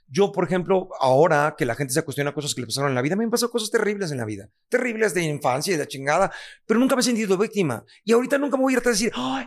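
Speaking with a Mexican accent, this man has a high-sitting voice with vocal fry. He's a guest on an open, candid podcast, where he says things straight, swears without holding back, and voices others' dialogue.

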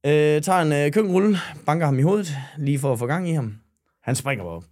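A man's voice: a little high, lively intonation, darkish tone. A man, a guest on a podcast, telling stories about himself in a laid-back, self-mocking way with chuckles. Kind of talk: casual storytelling chat.

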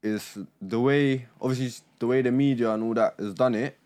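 A man's voice: mid-range voice, fairly even intonation, a little fast, darkish tone. A man with a London roadman accent explaining his view casually in slang, often checking that he is understood. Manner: peppers talk with tags like a check for agreement.

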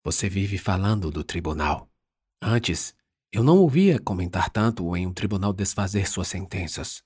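A man's voice: low voice, animated, normal speed, darkish tone, breathy edge. A man voicing a middle-aged wife and mother in an audiobook, questioning and slightly reproachful.

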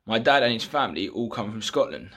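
A man's voice: on the low side, expressive, fast talker, fairly bright tone. A young man with an English accent, reading a scripted introduction as a podcast host. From England. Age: young adult.

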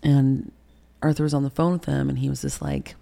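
Gravelly-voiced woman telling a raw story. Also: very deep voice, flat delivery, a little fast. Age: middle-aged. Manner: emotional, profane, re-enacts quotes with sudden loud bursts. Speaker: interview guest. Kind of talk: candid storytelling interview.

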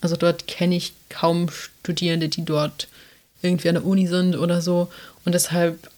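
This podcast co-host, a young woman from South Tyrol, Italy, has a lowish, darkish voice with little pitch movement at a moderate pace. She chats casually in a South Tyrolean German accent, rambling through many fillers.

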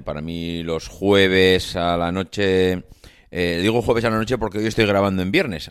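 A man with a Spain Spanish accent hosting a casual podcast monologue, hoarse and nasally congested from a coming cold, rambling with many hesitations. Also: low-pitched, no echo, clean studio sound. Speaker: podcast host.

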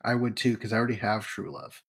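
A man's voice: on the low side, level tone, quick pace, fairly bright tone, breathy edge. A man co-hosting a podcast in casual chat, laid-back, crude and joking. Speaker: podcast co-host.

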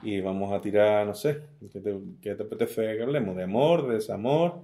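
With a dark voice on the low side and a moderate pace, a middle-aged man with an Andalusian Spanish accent is interviewed as a poet. He cracks self-deprecating jokes, reads sonnets aloud, and keeps restarting words.

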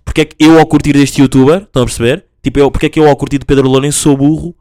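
A man's voice: a little high, flat delivery, rapid-fire, mellow, dry recording. A young man from Portugal, hosting a casual solo podcast and rambling through stories with lots of fillers and restarts. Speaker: podcast host.

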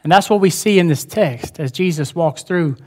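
A man's voice: on the high side, moderate pace, a little mellow. A male pastor preaching a sermon in a church, earnest and emphatic, repeating his key phrases.

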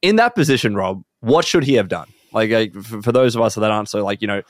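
A man's voice: lowish voice, expressive, fast, dry recording, studio quality. Upbeat male podcast host. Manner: upbeat, asks guest questions. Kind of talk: casual podcast hosting.

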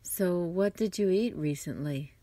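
A caring mother from a children's storybook, speaking in a lower, calm voice that stays gently firm, as a woman reading the tale puts her on. She sounds patient and steady. The sound is dry and close. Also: measured pace, no room sound.

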